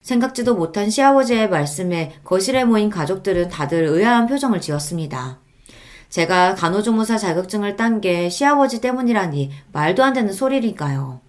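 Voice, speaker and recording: A woman narrating a first-person audiobook story in an even, confiding manner. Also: mid-range voice, a little fast.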